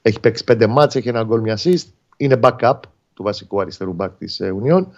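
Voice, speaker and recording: A man's voice: fairly low pitch, animated, lo-fi sound. A man working as a football reporter, explaining match incidents in detail during a casual sports talk.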